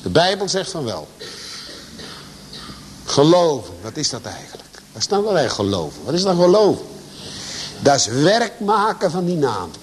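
A man preaching a sermon to a congregation, swinging his pitch and volume for emphasis. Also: sing-song, moderate pace, long pauses, slight background noise. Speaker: pastor. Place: church. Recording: long church reverb.

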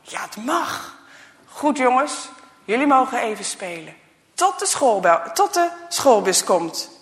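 A woman voicing a gentle but firm male schoolteacher in a read-aloud story. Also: fairly high pitch, sing-song, unhurried. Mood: kindly. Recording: long reverb.

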